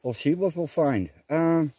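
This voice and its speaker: Man, mellow dark voice, unhurried, rambling chatty vlog talk, outdoors on a forest trail, camera on a tripod. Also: lowish voice, no echo. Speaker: vlogger. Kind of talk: casual outdoor vlog narration.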